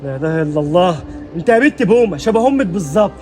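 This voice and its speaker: A man playing a gruff thug father, Egyptian accent. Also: high voice, big pitch swings, rapid-fire, faint music behind. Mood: scornful. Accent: Egyptian Arabic. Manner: scolding, brusque, shouting. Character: gruff thug father, rude and hot-tempered.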